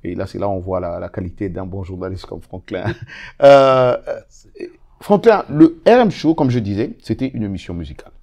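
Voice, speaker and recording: A man's voice: fairly low pitch, animated, normal speed, darkish tone. A middle-aged man from the Democratic Republic of the Congo, a journalist telling stories as a guest in an interview, with many hesitant fillers and easy laughter. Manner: hesitant fillers, laughs while recounting anecdotes. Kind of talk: casual interview chat, animated storytelling.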